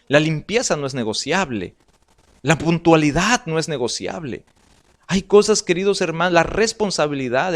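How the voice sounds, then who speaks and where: A man with a Salvadoran Spanish accent giving an earnest family life sermon, reading slides aloud and repeating words as he goes. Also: a little high. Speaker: pastor.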